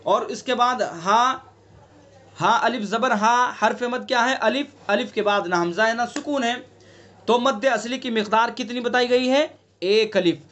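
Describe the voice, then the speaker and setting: A man's voice: extremely high pitch, unhurried, fairly bright tone. A man with a Delhi Urdu accent teaching Quran recitation in an online class, patiently explaining, quizzing students and stretching out sounds to demonstrate. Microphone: online class call.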